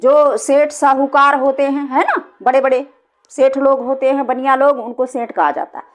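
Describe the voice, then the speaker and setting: A woman's voice: sits high, level tone, normal speed. A woman teacher explaining grammar step by step, asking questions and answering them herself. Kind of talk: classroom grammar lesson.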